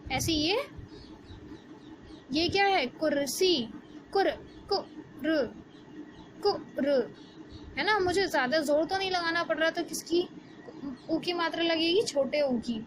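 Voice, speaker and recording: A woman, teaching a Hindi lesson to young children and asking the class questions as she explains slowly. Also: extremely high pitch, fairly bright tone, poor audio. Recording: background noise.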